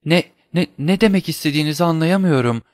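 A man's voice: medium pitch, animated, normal speed, dry recording, clean studio sound, lightly acted. A man voicing a terrified young woman in an audiobook, stammering and pleading in fear. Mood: frightened pleading. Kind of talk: audiobook reading.

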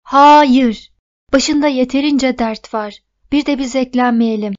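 A woman's voice: sits high, takes it slowly, no room sound, dull audio. A woman reading a stern, bossy older boy. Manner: stern and lecturing. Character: bossy, serious older boy, a young teen.

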